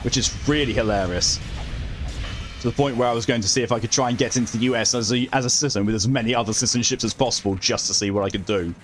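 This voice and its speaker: A man's voice: mid-range voice, fast talker, slight background noise. A man streaming a video game, chatting casually in a rambling, wry way with some swearing. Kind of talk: casual live game commentary and chat. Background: game music.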